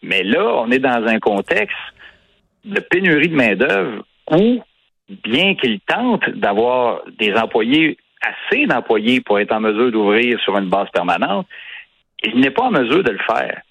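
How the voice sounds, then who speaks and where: A man's voice: mid-range voice, sing-song, unhurried, fairly bright tone, slightly rough, dry recording, rough recording. Emphatic Quebec French man, dry sound. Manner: insistent, emphatic, repeats points. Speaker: business association director. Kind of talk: radio interview guest.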